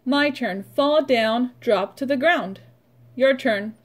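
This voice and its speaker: A preschool teacher leads a read-aloud and vocabulary lesson for young children, speaking very slowly in short, simple phrases with pauses, her voice fairly high. The audio sounds as if it is being replayed from a computer.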